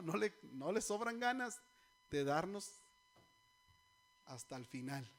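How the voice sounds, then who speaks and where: A male preacher giving a sermon, often asking the congregation questions and letting them finish his lines, then building up to louder, more urgent appeals. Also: sits high. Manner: call-and-response questions to the congregation; grows louder and more urgent toward the end. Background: faint music.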